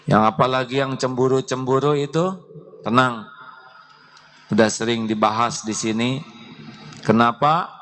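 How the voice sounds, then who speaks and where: A man's voice: mid-range voice, fairly even intonation, a little slow, long pauses, fairly bright tone. A man preaching a sermon to a live audience, playfully quizzing them.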